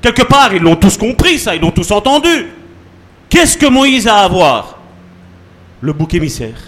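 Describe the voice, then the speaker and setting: A man delivers a sermon as pastor, his voice sitting high for a man. His pitch leaps and dips constantly, dropping to hushed asides and then rising to loud rallying calls. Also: a little slow. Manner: lively preaching, sudden drops to soft asides and rises to loud calls.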